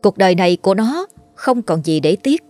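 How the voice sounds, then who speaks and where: A woman narrating a ghost story in a steady, dramatic storytelling voice. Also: mid-range voice, brisk, faint music behind.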